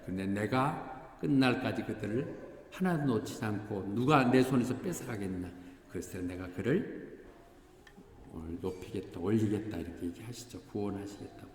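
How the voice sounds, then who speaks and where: An older man preaches in a relaxed, talkative way, jumping up in pitch whenever he acts out what someone said. His voice rings through a large church hall with a long reverb and a faint background hiss. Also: normal speed. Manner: conversational, acts out quoted voices with animated pitch jumps. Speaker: pastor. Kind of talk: sermon.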